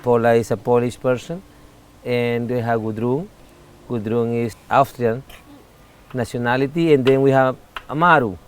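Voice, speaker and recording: An interviewee, a candid Salvadoran man in his forties, talks casually in a smooth, mid-range voice with a steady tone. His non-native English is earnest and halting.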